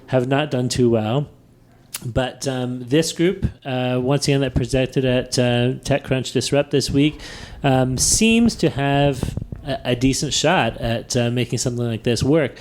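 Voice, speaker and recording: Man hosting a chatty podcast. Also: medium pitch. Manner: thinks aloud with many fillers and restarts; laughs easily. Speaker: podcast host. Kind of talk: casual conversational chat.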